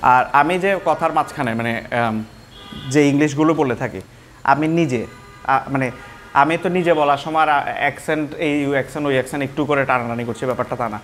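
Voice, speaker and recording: A man's voice: medium pitch, moderate pace, fairly bright tone, faint music behind. Man teaching English pronunciation. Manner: switches between Bengali and English, demonstrates words repeatedly. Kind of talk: explaining pronunciation, mixing Bengali and English.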